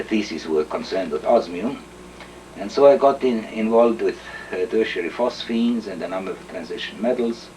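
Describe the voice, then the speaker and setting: An older man from Estonia speaks in a low voice, recounting his work in a measured, hesitant way full of fillers and throat clearing. He sits some distance from the mic, and a faint hiss runs under the recording. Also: darkish tone. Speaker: interviewee, chemist. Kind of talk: oral history interview.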